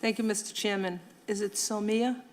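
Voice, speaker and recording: A woman's voice: mid-range voice, fairly even intonation, moderate pace, slight background noise. A woman city councilor making friendly, chatty remarks at a meeting.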